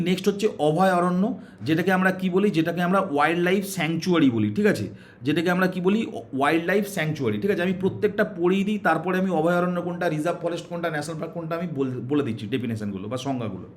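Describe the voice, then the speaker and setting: Brief: male exam coach, West Bengal Bengali, brisk and high-pitched, quizzes the class and answers himself. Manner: asks questions and answers them himself, repeating "okay"; coaxing, uses story tricks to aid memory. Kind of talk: classroom-style exam prep lesson.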